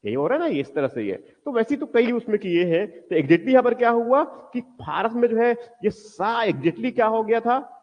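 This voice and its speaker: A male teacher lectures on history in a classroom, posing questions to the class and answering them himself while often repeating key words slowly for emphasis. His voice is very high and very animated, and the recording has a long reverb tail with the highs cut off.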